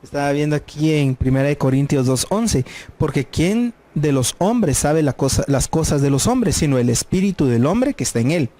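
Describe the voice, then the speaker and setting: Mellow Guatemalan man at Bible study. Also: fairly high pitch, expressive. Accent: Guatemalan Spanish. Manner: measured, often tags "¿verdad?". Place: church.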